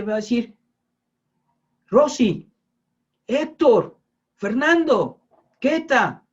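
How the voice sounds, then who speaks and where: A man delivers a sermon in a husky, slightly rough voice, leaning on repetition and direct questions to his listeners. The recording sounds dull and lo-fi. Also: extremely high pitch. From Mexico. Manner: emphatic, repeats phrases and asks the listener questions. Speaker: preacher.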